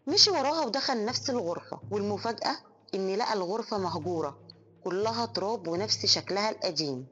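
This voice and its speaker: A woman with an Egyptian accent narrating a horror story in a brisk, suspenseful storytelling manner. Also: mid-range voice, expressive, fairly bright tone, husky. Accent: Egyptian Arabic. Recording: dull lo-fi audio. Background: faint music.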